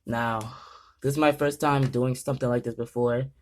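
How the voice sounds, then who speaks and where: A man's voice: mid-range voice, steady tone, moderate pace, a little hiss or hum. A young man hosting a casual gaming vlog, nervous and rambling, often stumbling over his words. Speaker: gaming channel host.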